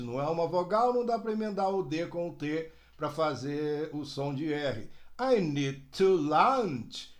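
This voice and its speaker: A man teaching an English lesson to learners, lively and direct, slowing down to model phrases. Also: fairly high pitch. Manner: addresses learners directly, frequent "né?" and "ó". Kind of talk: video language lesson.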